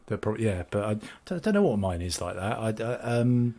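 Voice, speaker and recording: Fast, teasing man on a video call. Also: fairly low pitch, big pitch swings, warm tone. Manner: teasing, wry, laughs at his own jokes. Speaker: podcast co-host. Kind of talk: casual chat over video call.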